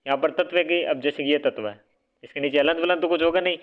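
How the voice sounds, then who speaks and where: Fast and a little high-pitched, a man teaching Hindi grammar walks listeners through exam-prep spelling in a casual way. He says each word again, quizzes them with "what will it be?", corrects himself now and then, and makes casual asides; the sound is narrow-band, like a phone.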